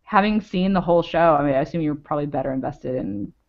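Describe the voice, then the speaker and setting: This woman has a low voice and speaks quickly as she co-hosts a podcast, casually discussing a TV show. She rambles and works through her thoughts aloud, saying "like" a lot, over dull lo-fi audio.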